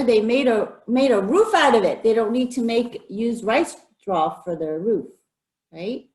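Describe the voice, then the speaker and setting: A storyteller with a slightly mellow, higher-pitched voice reads a folktale aloud for kids, engaging them directly through questions and calls to join in and repeat. Her voice echoes in a roomy space.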